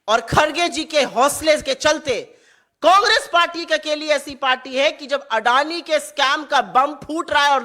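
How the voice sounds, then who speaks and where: Woman giving a fiery political speech, high voice, stacks up rallying lists. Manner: forceful, rhetorical, rallying. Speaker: party spokesperson.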